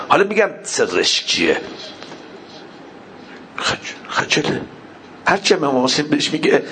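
A man's voice: medium pitch, fairly bright tone, slight background noise. A man preaching a mourning sermon, impassioned and speaking straight to his listeners, his voice climbing into wailing peaks. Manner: addresses listeners directly.

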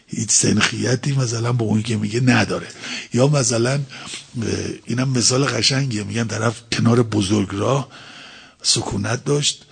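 Man preaching, gravelly voice, very raspy, rhetorical questions. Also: mid-range voice. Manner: explains by asking and answering his own questions. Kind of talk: sermon.

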